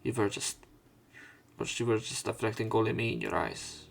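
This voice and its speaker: Hosting a let's play of a visual novel, a man reads the story text aloud and mixes in his own casual, unpolished commentary, swearing in his reactions. His fairly low voice is gravelly and moves at a moderate pace.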